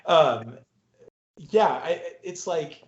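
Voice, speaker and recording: A man's voice: on the high side, animated, very slow, slight background noise. A man hosting a podcast in casual movie talk, rambling and restarting, often laughing. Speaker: podcast host. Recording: roomy, dull recording.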